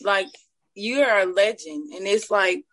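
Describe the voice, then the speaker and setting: A woman's voice: medium pitch, unhurried, a bit bright, dry recording, low-quality recording. A young woman calling in to the show, gushing with praise and filling her talk with "like". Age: young adult. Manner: gushing, fills her speech with "like". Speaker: caller. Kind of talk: casual chat.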